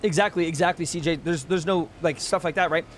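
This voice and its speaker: A man's voice: on the high side, fairly even intonation, a little fast, slight background noise. A young man live-streaming a game, ranting casually and emphatically, swearing freely.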